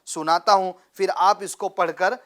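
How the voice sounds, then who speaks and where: A man's voice: high voice, fairly even intonation, a bit bright. A man teaching Quran recitation to a child, asking questions and having the pupil repeat after him, with frequent praise. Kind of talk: patient call-and-response teaching.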